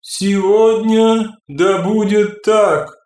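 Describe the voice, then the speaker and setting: A man voicing a serene, commanding female being made of flesh, speaking slowly and solemnly with a soft, ringing, imperious voice. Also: high-pitched, steady tone, echoey room, pitched above the performer's own voice. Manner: slow solemn ritual pronouncements.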